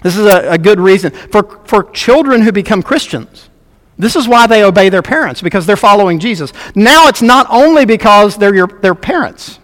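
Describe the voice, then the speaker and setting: A man's voice: sits high, lively intonation, normal speed, fairly bright tone, long reverb tail. A man preaching a sermon as a pastor, earnest and emphatic, repeating key words for stress.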